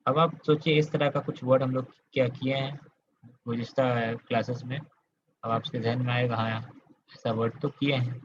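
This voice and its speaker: A man's voice: mid-range voice, fairly even intonation, moderate pace, highs cut off, a little hiss or hum. A man from Kolkata teaching Arabic grammar in an online class, explaining step by step, quizzing his students and checking in with them often. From Kolkata, India.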